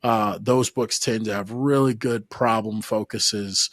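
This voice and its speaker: A man's voice: fairly low pitch, steady tone, measured pace, a bit bright, dry recording, studio quality. A man hosting a podcast, chatting casually with a guest, friendly and rambling, often restarting his sentences. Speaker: podcast host. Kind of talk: casual interview chat.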